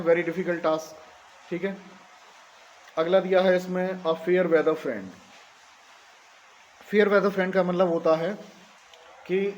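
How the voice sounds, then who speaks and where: An Indian man teaching an exam-prep grammar lesson with a fairly high voice. He reads English sentences out slowly for students to copy, then explains them in Hindi. He keeps asking questions and answering them himself. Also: a little hiss or hum. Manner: asks questions and answers them himself, says "theek hai" often.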